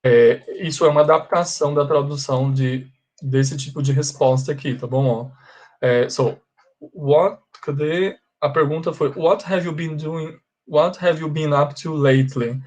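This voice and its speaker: Brazilian teacher mixing Portuguese and English. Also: male voice, a little high, fairly even intonation, darkish tone. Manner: switches between Portuguese and English, acts out sample dialogues; slow and deliberate when stressing English words. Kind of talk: bilingual classroom explanation.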